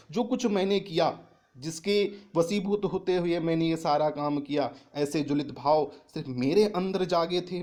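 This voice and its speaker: Hindi teacher man explaining verse lines. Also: a little mellow. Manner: reads each verse line, then restates it in simple words; rises in pitch and volume on emphatic paraphrases. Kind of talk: reading and explaining a Hindi poem.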